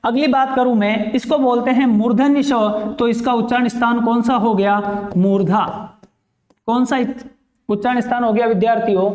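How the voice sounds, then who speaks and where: A man's voice: extremely high pitch, fairly even intonation, moderate pace, darkish tone, roomy sound. A male teacher giving a grammar lesson, reciting letters one by one and repeating his questions to the class before answering them himself.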